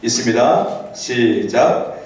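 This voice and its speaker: A male pastor preaching a sermon in a conversational way, asking his congregation rhetorical questions and reading scripture aloud slowly. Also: medium pitch, expressive, darkish tone, slight background noise. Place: church sanctuary. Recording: echoey church hall from a distant mic.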